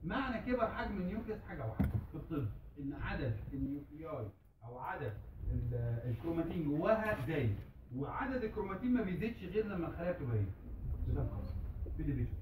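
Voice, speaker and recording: A man with an Egyptian Arabic accent giving a classroom lecture, asking the class questions and answering them himself, repeating key terms slowly. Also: fairly high pitch, narrow, tinny audio. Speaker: medical lecturer. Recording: roomy, distant, noisy hall recording.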